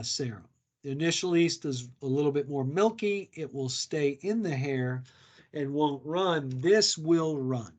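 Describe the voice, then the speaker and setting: A man giving a conversational product training talk, explaining hair care products with frequent fillers. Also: a little high. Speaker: product educator.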